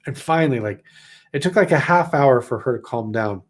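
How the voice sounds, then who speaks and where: A man's voice: mid-range voice, expressive, a little fast. Man from Idaho, casual storyteller, rambling with lots of "like", mid-range voice. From Idaho, USA. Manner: rambling, many "like" fillers, acts out quotes. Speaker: vlogger recounting a personal experience.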